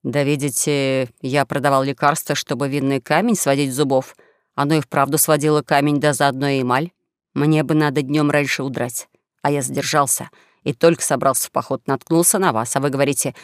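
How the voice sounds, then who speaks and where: A man's voice: medium pitch, level tone, a little fast, clear, resonant tone, dry recording, studio quality, voice pushed down, lightly acted. A man voicing a young con-man who plays a wronged duke, mournful and grandiose. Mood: explaining. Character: young male con-man posing as a tragic duke, self-pitying.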